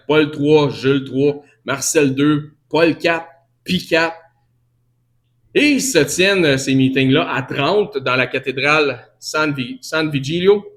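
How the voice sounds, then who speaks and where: A man with a Québécois accent giving a teaching sermon in a conversational way, often restarting and correcting himself and answering questions from the congregation. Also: mid-range voice. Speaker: preacher.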